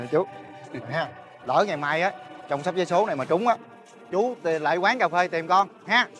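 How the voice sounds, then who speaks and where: A young man acting a sweet-talking con artist in a TV drama, his Southern Vietnamese speech coaxing and full of easy chuckles. His voice sits a little high, with faint music underneath. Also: moderate pace, a bit bright, lightly acted. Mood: persuasive. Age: young adult. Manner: persuasive, coaxing, chuckling often. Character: smooth-talking young male swindler, wheedling. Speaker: actor.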